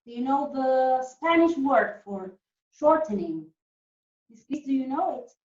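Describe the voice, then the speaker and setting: Animated yet a little slow, a primary school teacher with a fairly high, slightly mellow voice runs an interactive online lesson for young children. She keeps things simple and keeps asking short check questions. The sound is echoey and muffled from a distant mic.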